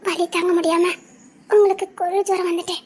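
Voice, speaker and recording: An actress with a Tirunelveli Tamil accent playing a tearful young woman torn about her lover, speaking in a halting, pleading way. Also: very high voice, level tone, darkish tone. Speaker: actress in a romance drama. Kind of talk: emotional drama acting.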